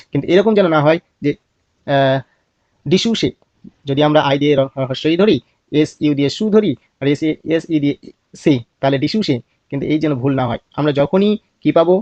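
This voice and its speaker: A man's voice: fairly high pitch, darkish tone, no echo. A man with a Bangladeshi accent teaching English reading, spelling out letters and asking himself questions he then answers. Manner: asks a question and answers it himself, drills words repeatedly. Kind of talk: spelling-out phonics lesson. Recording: dry, slightly dull recording.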